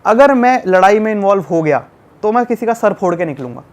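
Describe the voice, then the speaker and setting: High-voiced young man from telling a story. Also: a little fast. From Delhi. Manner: animated, emphatic, repeats phrases. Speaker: podcast guest. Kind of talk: casual storytelling chat.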